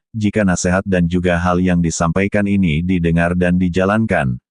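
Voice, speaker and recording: A man giving a calm, polite scripted narration that addresses the listeners directly. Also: low voice, no echo, clean studio sound. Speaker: channel narrator.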